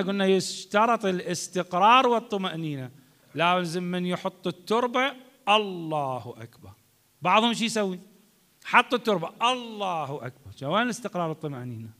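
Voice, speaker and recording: A man's voice: high voice, fairly bright tone. A man with an Iraqi accent giving a religious lesson on prayer, emphatic, repeating and acting out pronunciations. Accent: Iraqi Arabic. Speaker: religious teacher. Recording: long reverb of a large hall.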